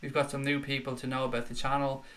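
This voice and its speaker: A chatty, matey Dublin man hosts a casual live stream, reading viewer comments aloud and answering them. He has a slight head cold and swallows a lot, speaking fast in a mid-range, level, fairly bright voice.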